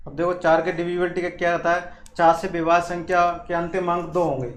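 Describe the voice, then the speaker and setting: In an echoey room with a faint hiss behind him, a male maths teacher talks fast through a classroom lesson. His voice sits high with little pitch movement, and he keeps restating points and posing questions that he answers himself.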